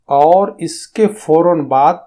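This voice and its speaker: A man teaching pronunciation in a recorded lesson, explaining calmly and drawing out demonstration sounds slowly. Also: on the high side. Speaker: tajweed teacher.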